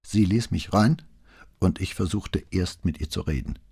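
A man's voice: low voice, moderate pace, mellow, slightly rough, dry recording, studio quality, voice pushed up, heavily acted. A man voicing a proud, agitated married woman who confesses in a pressed, indignant tone. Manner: pressed, indignant, self-righteous.

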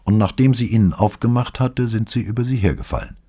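Man reading a dry, measured detective. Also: fairly low pitch, warm tone, voice pushed up. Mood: sober. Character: calm, dry-witted middle-aged male police detective.

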